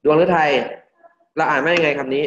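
A male English teacher from Thailand giving a classroom pronunciation lesson, drilling words slowly and repeating each one for the class. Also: on the high side, fairly even intonation, a little hiss or hum. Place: classroom with students. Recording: dull lo-fi classroom recording.

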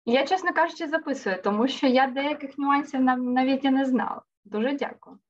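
A woman's voice: high voice, brisk, dull audio. A woman moderating an online class, speaking politely and briefly to call on students.

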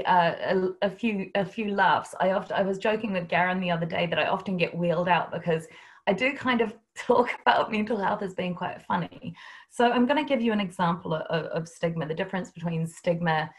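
A woman's voice: medium pitch, fairly quick. A woman with a New Zealand accent giving a humorous talk over a video call, telling stories about workplace stigma. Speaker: guest speaker. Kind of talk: webinar talk.

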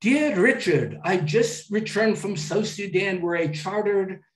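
A bragging young British playboy with a posh, put-on British accent, as a man reads out his email. The voice sits a little high for a man and rings through an echoey room. It is caught from some distance off the mic. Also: expressive, unhurried. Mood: boastful.

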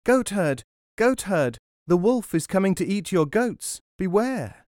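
Cecchino, a man doing a squeaky little boy. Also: extremely slow, smooth, no room sound, studio quality. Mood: shouting. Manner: shouting high and squeaky. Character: small clever boy, bold and cheeky.

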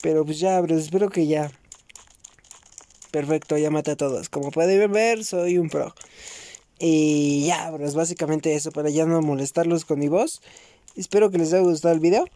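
Young mexican dude doing gameplay commentary, swears a lot, calls everyone bros, warm mellow voice. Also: male voice, on the high side, moderate pace, dry recording. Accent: Mexican Spanish. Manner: slangy and swearing, keeps saying bros; sudden loud outbursts at the game. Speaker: gaming YouTuber. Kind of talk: casual gameplay commentary vlog.

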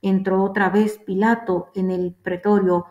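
Woman scripture reader, solemn and measured, roomy echo. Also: mid-range voice, muffled recording. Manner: steady, measured delivery. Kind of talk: solemn liturgical reading.

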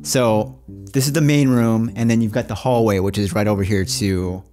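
Recording his weekly vlog in a small apartment with a handheld shotgun mic on a boom cable, a thirtysomething man addresses viewers as "my friends." His warm, lowish voice keeps fairly even intonation at a moderate pace over soft background music.

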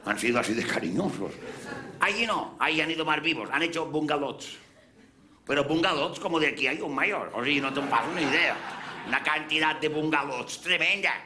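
A man's voice: a little high, lively intonation, a little fast, crowd noise. A man with a Mallorcan accent performing a crude, rambling comic monologue in character on a café stage. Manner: brash, crude, rambling storyteller. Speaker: comedian in character. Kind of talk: live stand-up character monologue. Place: café stage before a live audience. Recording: live audience laughter throughout.

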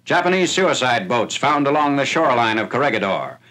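A man reading a scripted wartime newsreel narration in a formal, measured announcing manner, heard on an old 1940s newsreel soundtrack. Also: mid-range voice, big pitch swings, sharp tone. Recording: noisy, hissy 1940s newsreel film soundtrack.

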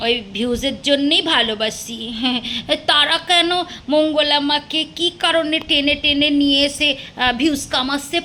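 Female vlogger, high and bright, sarcastic and scolding, faint background hiss. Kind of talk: angry rant to camera.

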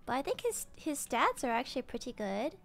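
High-pitched, gravelly-voiced woman streamer. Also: sing-song, a little fast, faint music behind. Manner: hesitant, many fillers, giggly. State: tired, yawning. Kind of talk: casual chat with live chat.

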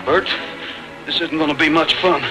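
Actor as steady western hero, lightish pitch. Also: male voice, normal speed, lightly acted, rough recording. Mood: calm, determined. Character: steady, resourceful western hero held captive. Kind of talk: 1940s western film acting. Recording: old 1940s film soundtrack with music.

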